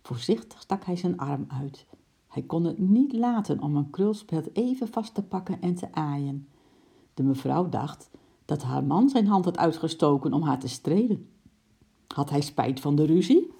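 A woman reading a children's story aloud in a lively, expressive narration. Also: low-pitched, a little slow, creaky.

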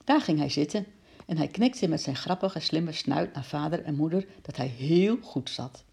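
A woman reading a children's book aloud in a steady, warm storytelling manner. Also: low voice, normal speed, vocal fry, slightly rough.

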